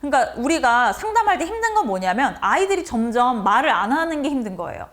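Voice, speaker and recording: Lively high-voiced woman teaching teachers. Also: fast talker. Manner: lively, acts out teacher and child lines in a changed voice. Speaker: teacher giving a lecture to teachers. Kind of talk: lecture to teachers.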